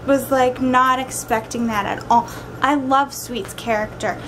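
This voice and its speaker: Young female vlogger, slightly high voice, informal rambling chat, recorded at home with background noise. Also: fairly even intonation, fairly bright tone, poor audio. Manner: informal, drawn-out asides with frequent "like" and "kinda". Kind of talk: casual daily vlog chat. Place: at home, indoors.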